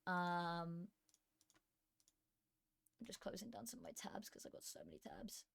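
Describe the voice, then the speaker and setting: On a desk microphone, a female esports streamer and commentator chats casually while setting up her live stream, muttering to herself between chatty asides. Her voice sits on the low side and sounds tired, worn and creaky, yet fairly bright. She is very animated but unhurried.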